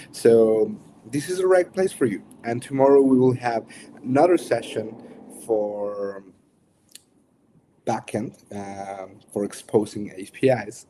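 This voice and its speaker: Low-pitched, unhurried man with Mexican accent. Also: mellow, slight background noise. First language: Spanish. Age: young adult. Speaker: coach hosting a livestream workshop. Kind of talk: casual livestream teaching chat.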